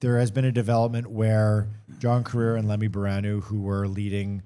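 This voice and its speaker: A man's voice: on the low side, completely flat delivery, fairly quick, warm tone, clear, resonant tone. A man giving conversational live sports commentary on a race, thinking aloud and correcting himself as he goes.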